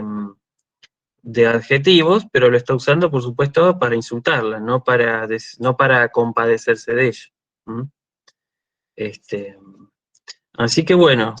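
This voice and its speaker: A man giving an online university lecture, slow and deliberate, checking in often with his students. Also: mid-range voice, dull audio. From Argentina. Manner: slow, checks in with frequent "¿sí?" and "este" fillers. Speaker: university lecturer in Greek language and culture.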